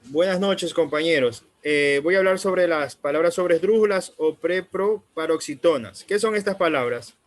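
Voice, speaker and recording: A man's voice: fairly high pitch, normal speed, few pauses. A male student giving a formal class presentation, reading from slides and asking for the next one.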